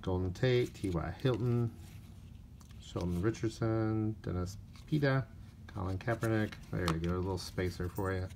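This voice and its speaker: Tired guy slowly opening card packs, lowish voice, kinda flat listing names, light hiss. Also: gravelly. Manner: unhurried, reads off player names in a flat list. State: a little tired. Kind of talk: casual pack-opening commentary. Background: crinkling wrappers and card clicks.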